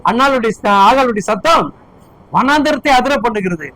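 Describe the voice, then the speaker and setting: Man preaching in church, pretty high voice, keeps throwing questions at the crowd. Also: animated, normal speed, bright, forceful tone, no echo, low-quality recording. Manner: fervent preaching with repeated rhetorical questions to the congregation. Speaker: pastor. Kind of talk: sermon.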